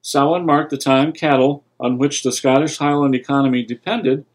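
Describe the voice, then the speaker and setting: A man with a deep, sonorous voice reading an article aloud at a measured, steady pace.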